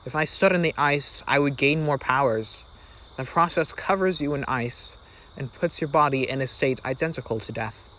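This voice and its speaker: A man's voice: medium pitch, normal speed, sharp tone, lightly acted. Man voicing a confident young magical sister in a fireside story. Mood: calm, assured. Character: young sister, calm, confident, explaining her new magic.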